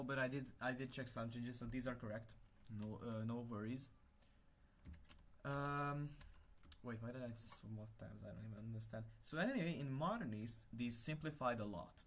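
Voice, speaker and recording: A young native Hungarian speaker with a Hungarian accent casually explains his constructed language over a screen share. His medium-pitched voice carries a little hiss or hum as he thinks aloud, correcting himself hesitantly.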